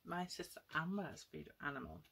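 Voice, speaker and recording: Her voice sits low and sounds pushed, bright and slightly rough, with a sing-song lilt, and she talks fast. This young woman is telling a paper-puppet story to children, addressing them directly with questions and exclamations, indoors in a small room at home.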